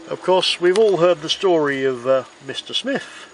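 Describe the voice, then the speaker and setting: A man's voice: on the high side, expressive, moderate pace. Man doing theatrical magician patter, noisy recording. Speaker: magician presenting a trick of the week. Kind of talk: card magician patter, spooky storytelling.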